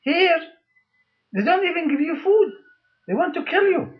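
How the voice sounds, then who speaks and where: A man making a personal video appeal to the camera as a father, talking in halting, emphatic, repetitive phrases while he holds up documents. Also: extremely high pitch, very animated, lo-fi sound.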